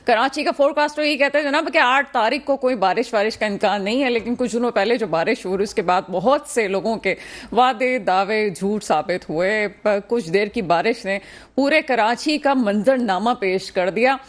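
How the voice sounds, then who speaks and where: A young woman hosts a political talk show on television. Her voice sits a little high, and she sounds under the weather with a cold. She puts her questions in a measured way, with frequent pauses and hesitations. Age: young adult. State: unwell with a cold. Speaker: news show host.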